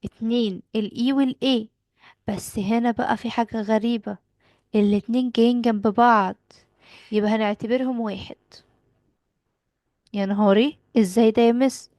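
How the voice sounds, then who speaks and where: In a children's language lesson, a young woman speaking with an Egyptian Arabic accent teaches a child English, asking questions patiently and echoing back the answers. Her voice sits fairly high, and the recording is dry.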